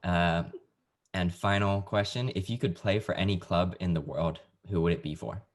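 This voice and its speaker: A man's voice: deep voice, normal speed. A male podcast host with an easygoing, jokey manner, interviewing a guest over a video call.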